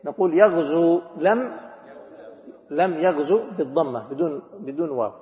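A grammar teacher with a somewhat high male voice leads a class, firing questions at his students and repeating examples. His voice rings through a large echoing hall with a long reverb tail. The recording sounds dull and lo-fi. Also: animated, moderate pace, mellow. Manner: mixes formal Arabic with colloquial speech. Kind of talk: classroom lecture on a grammar text.

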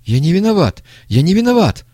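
A man voicing a nervous young male accomplice who talks fast and high, stammering excuses in a storybook reading. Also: big pitch swings, no room sound, studio quality. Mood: terrified. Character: jittery young male accomplice, boastful then panicky.

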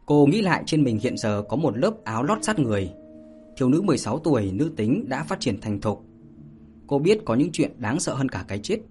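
A man reading a martial arts novel aloud as narrator, steady and unhurried, with small fillers. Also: medium pitch, breathy edge. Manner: steady storytelling with spoken fillers. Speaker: audiobook narrator. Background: faint music.

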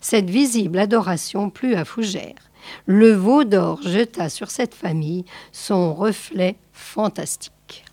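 A woman reading a classic novel aloud in a measured literary style, sometimes softly breathy. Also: mid-range voice, no room sound. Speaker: audiobook reader.

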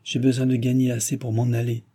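A proud young woman who answers curtly and with resolve, read by a man. The voice sits a little higher than his narration, dark and husky. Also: completely flat delivery, fast, close to an everyday voice. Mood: resolute. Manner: curt, clipped replies.

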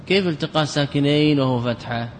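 A man's voice: a little high, quick pace. Man lecturing on grammar in a reverberant hall. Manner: drills examples by repeating them and quizzing students. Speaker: sheikh teaching Arabic grammar. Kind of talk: classroom lecture. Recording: reverberant hall recording, faint noise.

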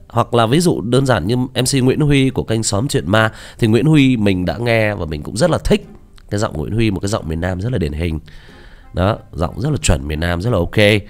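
A man, a story narrator, chatting casually about his voice acting, hesitant with many fillers. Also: low-pitched. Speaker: audiobook narrator.

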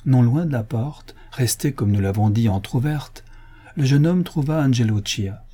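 A man reading a story as an audiobook narrator, in a measured, even manner. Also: medium pitch, husky.

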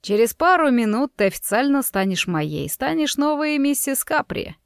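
A woman's voice: high voice, big pitch swings, normal speed, gravelly, no room sound, pitched above the performer's own voice, exaggerated voice. A woman voicing a cruel, mocking young male mobster who threatens and taunts in a sinister tone, read in a dry, close audiobook sound. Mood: taunting.

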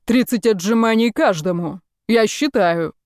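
A woman's voice: medium pitch, brisk, warm tone, no echo, clean studio sound, natural voice. A woman voicing a strict male sports coach who barks orders. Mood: stern. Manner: barking orders.

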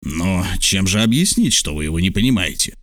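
A man voicing a calm, dryly ironic military major in an audiobook. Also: low voice, a little fast, no room sound, studio quality. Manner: calm, teasing. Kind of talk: audiobook character voice.

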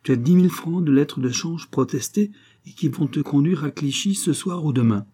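A man reading the part of a worldly, commanding society woman in an audiobook, talking briskly and knowingly. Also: a little high, dark tone, slightly rough, pitched above the performer's own voice.

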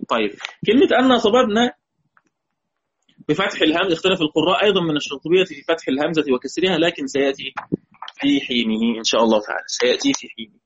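A man with an Egyptian accent teaching Quran readings, often repeating phrases and asking his students if it is clear. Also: fairly high pitch, expressive, rapid-fire, a little hiss or hum. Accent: Egyptian Arabic. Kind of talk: lesson. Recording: dull lo-fi recording.

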